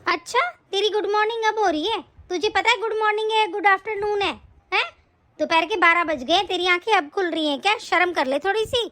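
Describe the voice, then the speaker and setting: A woman's voice: very high-pitched, brisk, fairly bright tone. A woman voicing a nagging middle-aged mother-in-law in a cartoon story, scolding and then soothing her daughters-in-law. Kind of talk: cartoon voice acting.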